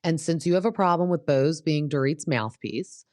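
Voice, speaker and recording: A woman's voice: low-pitched, normal speed, a little mellow, no echo, clean studio sound. A woman hosting a podcast, giving a casual, opinionated recap of a reality show and filling her talk with "like". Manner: chatty and opinionated, full of "like" fillers. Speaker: podcast host.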